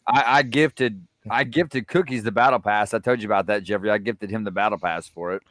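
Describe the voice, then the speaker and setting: A man in his forties chatting on a live stream, agreeable and quick with "yeah, man". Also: lowish voice, fairly bright tone, no echo, clean studio sound. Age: 40s. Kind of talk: casual chat on a live stream.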